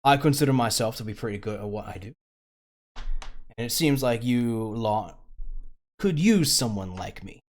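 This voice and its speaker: A man's voice: mid-range voice, animated, moderate pace, long pauses, close to an everyday voice. A man playing a cocky, crude smuggler. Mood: smooth-talking. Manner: sly, salesman-like, puts on an accent. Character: cocky crude male smuggler, smooth-talking professional.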